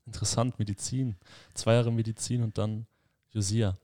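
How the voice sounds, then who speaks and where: A twenty-one-year-old podcast host, who is also a leader at a mission school, asks questions in a relaxed, friendly, easygoing way full of fillers during a casual conversation. His voice is lowish, at normal speed, with no room sound.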